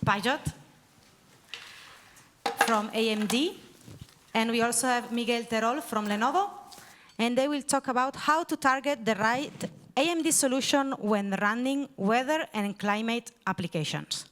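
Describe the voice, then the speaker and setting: A woman's voice: a little high, unhurried, a bit bright. A woman moderating a conference and announcing the next speakers in a light manner. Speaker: event moderator. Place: large conference hall. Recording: reverberant conference hall.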